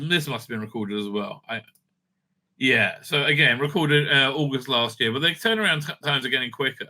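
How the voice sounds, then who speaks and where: Browsing a screen, a fan news show host delivers loose, off-the-cuff remarks full of swearing and blunt opinions. His medium-pitched voice sounds pushed and bright.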